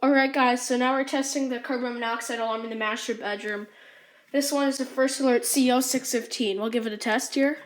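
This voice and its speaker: A woman's voice: on the high side, fairly even intonation, fairly quick. A woman hosting a casual amateur vlog, narrating each step as she goes indoors. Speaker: host testing home alarms. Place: indoors in a house. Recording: faint noise, amateur home recording.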